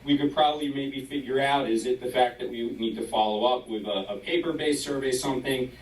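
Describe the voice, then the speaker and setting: A man's voice: mid-range voice, a little fast, reverberant. Eager man at a distant mic in a room. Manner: eager, apologetic, talking through a shared screen. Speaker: council member. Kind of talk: council meeting remarks.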